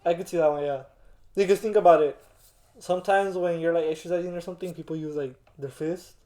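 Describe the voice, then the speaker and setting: Young dude rambling like a stoner, slangy and sweary, mellow voice, echoey room. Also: male voice, fairly high pitch, fairly even intonation, quick pace. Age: young adult. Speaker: co-host. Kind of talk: casual chat. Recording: roomy, echoing indoor sound.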